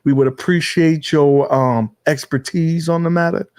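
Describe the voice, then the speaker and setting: A man co-hosting a casual gaming podcast, his voice sitting a bit high for a man. He rambles in an animated way, restarting sentences and dropping the odd curse word. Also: moderate pace, smooth. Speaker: podcast host. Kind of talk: casual chat.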